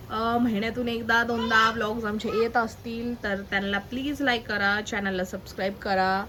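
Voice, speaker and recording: A young woman chatting casually in a home vlog, repeating herself and turning aside to talk to her baby. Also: fairly high pitch. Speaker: family vlogger. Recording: loud background noise.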